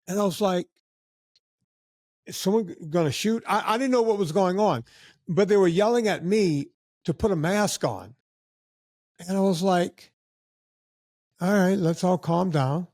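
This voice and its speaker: Man telling animated stories, dry recording. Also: sits high, normal speed, long pauses, dry recording. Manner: animated anecdotes with acted-out quotes of other people. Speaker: podcast guest. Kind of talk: casual storytelling.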